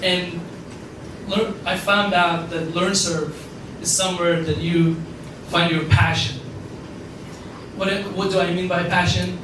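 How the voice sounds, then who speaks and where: At a networking event, a young adult alumnus from Afghanistan speaks in a high-sitting, level voice at a measured pace. The speech wanders and is full of fillers, and the distant recording picks up room echo and background noise.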